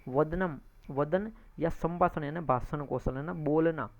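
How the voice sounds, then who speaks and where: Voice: mid-range voice, a little slow. A teacher going through exam answers step by step. The teacher keeps addressing listeners as friends, repeats points and adds frequent tag questions. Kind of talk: exam-prep lecture, explaining answers. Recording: dull lo-fi recording.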